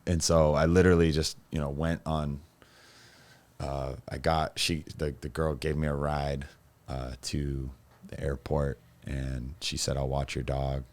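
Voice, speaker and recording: A young adult man, a podcast guest, telling his personal story in a rambling, halting way with many restarts. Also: rumbling low, little pitch movement.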